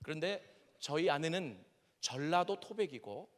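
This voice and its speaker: Lively high-voiced pastor in a reverberant hall. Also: male voice, a little slow. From Seoul, South Korea. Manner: animated, conversational, addresses the audience directly. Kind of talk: sermon lecture with personal stories. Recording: long reverb of a large hall.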